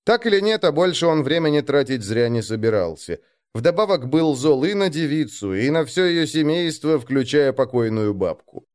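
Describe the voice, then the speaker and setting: A man narrating a story as an expressive audiobook reader. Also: fairly high pitch, moderate pace.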